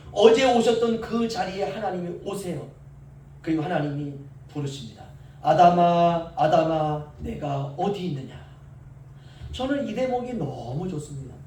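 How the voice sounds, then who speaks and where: High-voiced man preaching in an echoey church. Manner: swings between soft asides and loud drawn-out calls. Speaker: pastor. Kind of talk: sermon. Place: church sanctuary. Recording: echoey church, mic at a distance.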